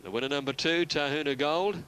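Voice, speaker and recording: A man's voice: fairly high pitch, fairly quick, fairly bright tone, smooth. A man commentating live on a horse race.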